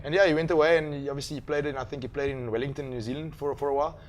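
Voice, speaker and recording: Male co-presenter, easygoing and quick, faint hiss. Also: fairly high pitch, steady tone.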